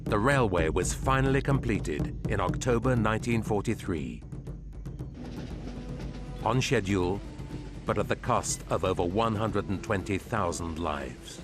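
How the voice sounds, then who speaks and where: A man's low voice narrates a documentary from a script. He is grave and even. Loud music plays under him. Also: unhurried.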